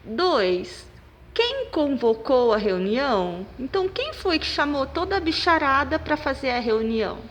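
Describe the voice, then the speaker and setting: Woman, primary teacher, slow careful pace, stresses syllables loudly, echoey long reverb. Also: high-pitched, sing-song, slight background noise. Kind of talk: recorded remote lesson for children. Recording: long reverb, room echo.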